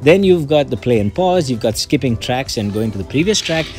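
A male tech reviewer talking in a relaxed, conversational way, his pitch swinging widely as he makes his points. He breaks off for joking asides about himself, with soft music under his voice. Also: brisk. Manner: chatty, self-deprecating asides. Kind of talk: casual product review.

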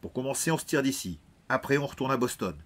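A determined teenage boy takes charge of his frightened twin with a firm, commanding voice, as a man puts him on for an audiobook. The voice sits higher and louder than the narration, with a husky edge. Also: lively intonation, fast talker.

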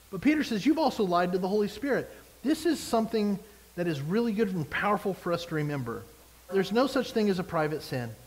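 A man's voice: high-pitched, in a large hall, rough recording. A male pastor giving a sermon, preaching expressively and asking the congregation rhetorical questions.

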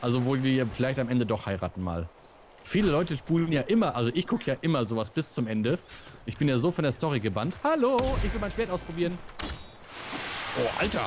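A man's voice: mid-range voice, very animated, fairly quick, a little hiss or hum. A man playing a co-op video game with a friend, joking playfully and tripping over his words. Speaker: let's play gamer. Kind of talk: casual co-op gaming chat.

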